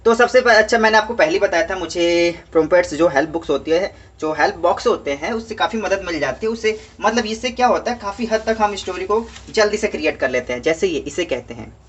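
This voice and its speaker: A male teacher with a scratchy throat walks through a worksheet in casual chat, reading English lines slowly and saying "okay" again and again. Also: sits high, expressive, a bit bright, husky. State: scratchy throat, heavy-headed. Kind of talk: casual Hindi worksheet walkthrough.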